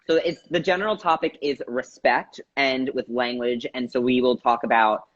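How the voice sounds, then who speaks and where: Energetic young nonbinary educator on a call. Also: mid-range voice, normal speed, highs cut off. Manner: energetic, explanatory, laughs often. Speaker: co-host and educator. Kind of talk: casual conversation.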